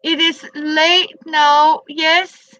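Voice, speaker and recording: Slow-talking Danish woman in her fifties. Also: sits high, little pitch movement, sharp tone, no room sound, dull audio. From Denmark. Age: 50s. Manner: halting, simple English, greets viewers by name, laughs often. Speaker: livestream crafter. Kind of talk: live stream chat with viewers.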